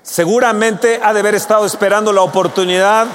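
A male pastor preaching a sermon, acting out angry voices and building to shouted appeals. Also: sits high, steady tone, fairly quick, slight background noise. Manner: acts out angry speakers, rises to shouted appeals. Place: church auditorium with a congregation. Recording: preaching in a reverberant hall.

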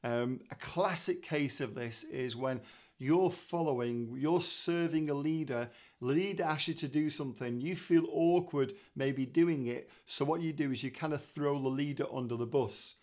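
A man's voice: a little high, normal speed, a little mellow. Earnest man teaching on leadership. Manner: earnest, conversational, with frequent restarts. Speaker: ministry founder teaching on leadership. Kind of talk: recorded teaching talk.

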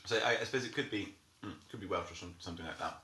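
Low, bright-voiced man guessing hesitantly; echoey room. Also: racing. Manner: thinks aloud, hesitant with many ums. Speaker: quiz contestant. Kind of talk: casual game chat. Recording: echoey room, faint noise.

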